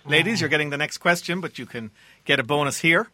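An Irish man with a bright, forceful, fairly high voice hosts a quiz. He reads out questions and banters with the teams. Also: quick pace, no room sound. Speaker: quiz host.

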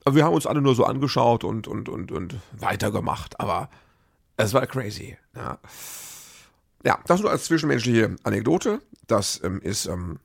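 A comedian telling rambling, self-correcting anecdotes in a casual monologue. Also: male voice, medium pitch, sing-song, moderate pace, creaky, breathy edge.

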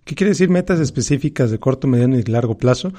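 A man's voice: mid-range voice, expressive, fast, mellow. A man with a Mexican accent giving a motivational personal finance talk as an advisor, emphatically repeating key phrases and posing rhetorical questions.

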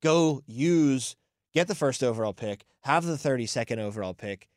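A man talking football in a casual, opinionated way, often restarting mid-sentence as he thinks aloud. His voice sits at a middle pitch and is recorded close and dry, with no room sound. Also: expressive, moderate pace, no room sound. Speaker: sports podcast co-host. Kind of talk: casual sports talk.

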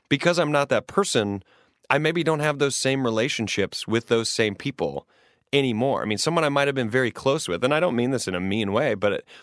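A man's voice: medium pitch, fairly bright tone, dry recording. A man in his late thirties, earnest and a little rambling as he talks through a listener's problem, often circling back and restarting his sentences. His voice sits mid-range for a man. The recording is close and dry, with no room sound. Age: 30s. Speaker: podcast co-host giving advice. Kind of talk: casual advice chat.

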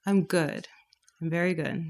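A Canadian painter appears as a guest in a casual interview, relaxed and chatty and laughing a lot. Her voice runs on the low side and a little slow.

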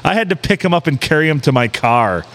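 A man co-hosts a casual podcast from a small tavern, bantering, joking, laughing, and swearing freely. His voice is fairly high, sing-song, a bit bright and slightly nasal, and he talks fast.

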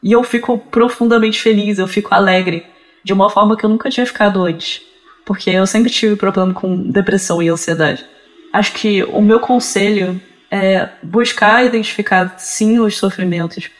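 A man's voice: high voice, fairly even intonation, moderate pace, poor audio. A man with a cracking, reedy voice, speaking casually and reflectively as a podcast guest, repeating words as he searches for them. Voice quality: cracking, reedy voice from early gender transition. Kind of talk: casual, reflective advice and personal account.

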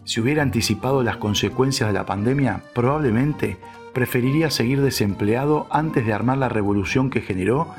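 Male narrator, mid-pitched, scripted commentary, wry and sarcastic, faint music bed. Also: a little fast.

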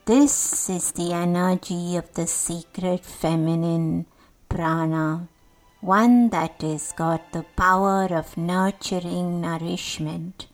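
A woman narrating a guided sleep meditation in a soothing, gentle, deliberate manner, leaving long pauses between phrases. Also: lowish voice, fairly even intonation, poor audio. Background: music.

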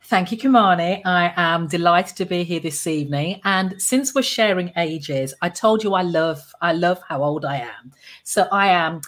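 A woman in her late fifties from Birmingham speaks with a Birmingham accent in a fairly low register. She talks in a measured, self-assured way, as a podcast host opening an episode and then answering questions about her career. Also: a bit bright. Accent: Birmingham English. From Birmingham, England. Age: 50s. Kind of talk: podcast intro and conversational interview.

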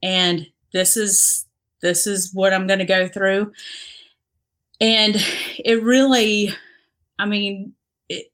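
A woman's voice: mid-range voice, level tone, slow pace, long pauses, a bit bright. A woman who grew up in the Dominican Republic, speaking as an interview guest about her past career as a police officer, earnest and reflective, with lots of fillers and restarts. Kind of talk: candid conversational interview.

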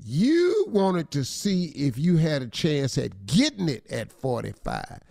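Lively high-voiced man teasing on air. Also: slow pace, creaky, dry recording, clean studio sound. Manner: teasing, mock-quotes the letter writer. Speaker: radio show co-host giving advice. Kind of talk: comic relationship advice chat.

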